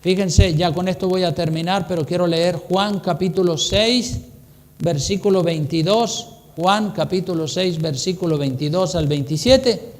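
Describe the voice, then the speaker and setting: A pastor preaching an emphatic sermon, hammering his point by repeating phrases. His voice runs high for a man. Long reverb from a church hall trails every line. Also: a little slow. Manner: emphatic, repetitive, acts out quotes.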